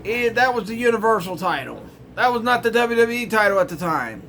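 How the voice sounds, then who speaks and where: A man's voice: high voice, lively intonation, a little fast, a bit bright, a little hiss or hum. A middle-aged man hosting his own show, ranting in a grumbling, exasperated way with sarcastic asides. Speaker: host. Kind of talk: casual ranting commentary.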